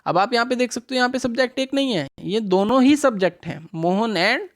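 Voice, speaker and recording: A woman's voice: a little high, lively intonation. Patient woman teaching English to children. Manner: patient, questions the class and answers herself; reads English sentences out slowly. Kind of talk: revision lesson for schoolchildren.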